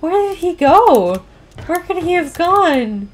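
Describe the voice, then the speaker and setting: A woman's voice: very high voice, sing-song, slow. A woman hosting a gameplay video, chatting casually and emotionally and laughing often while she plays. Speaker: gaming channel host.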